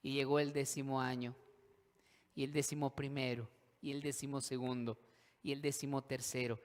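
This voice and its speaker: A man's voice: mid-range voice, flat delivery, moderate pace. Dramatic preaching man in a reverberant hall. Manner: dramatic preaching with acted inner voices and call-and-response. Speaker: pastor. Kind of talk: sermon. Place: church hall.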